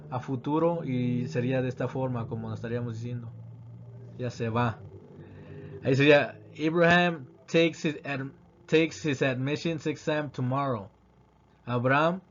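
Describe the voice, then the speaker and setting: A man teaching English grammar, reading example sentences slowly and then translating them. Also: mid-range voice, dull audio, a little hiss or hum. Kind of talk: grammar lesson explaining examples.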